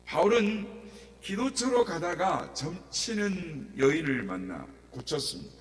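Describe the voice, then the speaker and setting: A man's voice: on the high side, sing-song, unhurried. Dramatic storytelling male pastor. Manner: dramatic storytelling, acting out voices. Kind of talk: sermon. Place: church sanctuary. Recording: echoey church hall, mic at a distance, faint hum.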